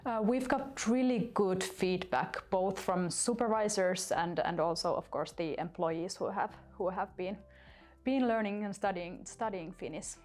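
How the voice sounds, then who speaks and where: Woman in HR, mid pitch, hesitant, corporate interview. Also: measured pace. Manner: hesitant, with fillers and restarts. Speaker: HR staff. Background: soft music.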